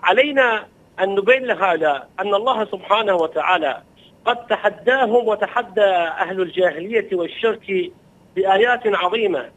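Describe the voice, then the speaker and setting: Fast-talking sheikh on a muffled line. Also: male voice, sits high, a bit bright. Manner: fluent, quoting and retelling stories with emphasis. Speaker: religious scholar guest. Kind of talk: interview answer, preaching tone.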